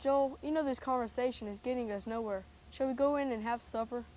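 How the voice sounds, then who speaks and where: A haughty Bible-era tax collector played by a woman, with a high-pitched voice. He declaims pompously, every bit the greedy official and self-satisfied man of the house. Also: brisk, a little mellow, a little hiss or hum, natural voice, poor audio. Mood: genial, dismissive.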